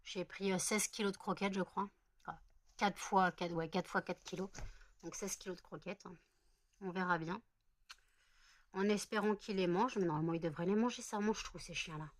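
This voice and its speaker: A woman's voice: fairly low pitch, fairly even intonation, normal speed, no room sound. A woman who has not slept yet, chatting in a rambling home vlog with many fillers. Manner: chatty and rambling, many fillers, coos softly to her dogs. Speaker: vlogger. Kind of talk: casual vlog chat.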